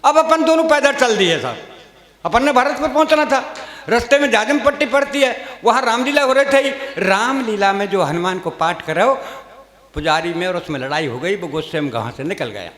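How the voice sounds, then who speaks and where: High-voiced comic poet. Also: male voice, animated, moderate pace, a bit bright. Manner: folksy storyteller voicing village characters. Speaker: stage comedy poet. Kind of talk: humorous kavi sammelan storytelling. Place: large stage with audience. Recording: roomy hall reverb.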